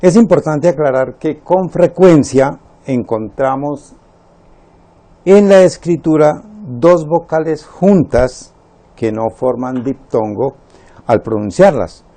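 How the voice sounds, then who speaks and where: A man teaching a Spanish lesson, slowly spelling out words syllable by syllable and counting them. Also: a little high, dark tone. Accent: Latin American Spanish.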